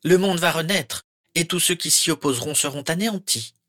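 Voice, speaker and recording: A man voicing a cold, menacing dark wizard with a high, silky, hissing voice. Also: no room sound, clean studio sound, natural voice. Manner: slow, honeyed, threatening. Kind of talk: audiobook character voice.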